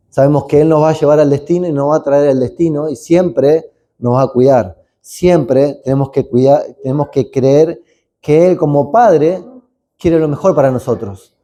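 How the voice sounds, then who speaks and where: A man's voice: on the high side, dark tone. A male pastor preaching a conversational sermon, full of asides, tag questions like "¿no?", and acted-out sounds. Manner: conversational, rambling asides, frequent "¿no?" tags; acts out sounds and screams.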